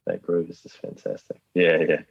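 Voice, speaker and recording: Man, New Zealand accent, deep voice, laid-back, matey, casual chat, muffled lo-fi recording. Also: little pitch movement, normal speed, creaky, breathy edge. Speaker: interview guest, musician. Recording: dull lo-fi call audio.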